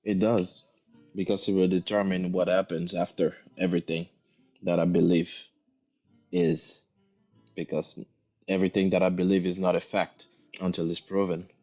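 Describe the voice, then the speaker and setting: A man's voice: low-pitched, little pitch movement, normal speed, pauses often. A man with a thick foreign accent in casual discussion, thinking aloud hesitantly and repeating his phrases. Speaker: guest answering questions. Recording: dull lo-fi audio, music behind.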